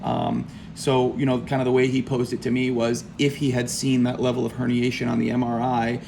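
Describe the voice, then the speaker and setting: A man talks in a casual, first-person diary style with a mid-pitched, heavily creaky, gravelly voice. His phrases come hesitantly, often repeating a word before moving on. There is faint room noise behind him. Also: monotone, a little fast. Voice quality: gravelly, heavy vocal fry. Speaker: patient recounting his back surgery.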